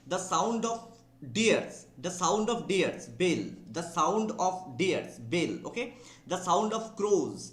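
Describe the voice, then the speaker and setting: A man's voice: high voice, echoey room. A man teaching an exam vocabulary class with a Bengali accent, drawling key English words, spelling them out and often checking that students follow.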